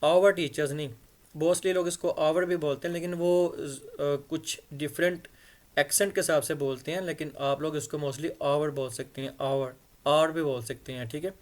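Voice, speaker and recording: A man teaching English idioms in a casual spoken lesson, explaining in Hindi-Urdu and reading the English phrases slowly, with frequent fillers and repeats. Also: fairly high pitch, steady tone, a little mellow. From Punjab. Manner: hesitant, many fillers and repeats.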